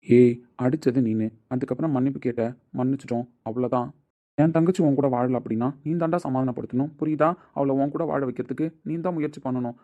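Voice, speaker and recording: This is a bickering set of family men, a mock-innocent young husband and his stern brothers-in-law, all played by one man. He talks at a middling pitch on a dull, lo-fi recording. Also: close to an everyday voice. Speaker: actor in family skit.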